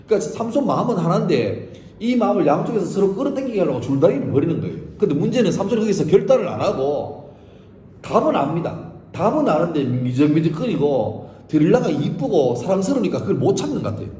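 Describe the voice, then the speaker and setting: Lively male pastor in an echoing hall. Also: sits high, fast, slight background noise. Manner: lively storytelling, acting out scenes. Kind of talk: Bible study sermon. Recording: echoey hall with faint ambience.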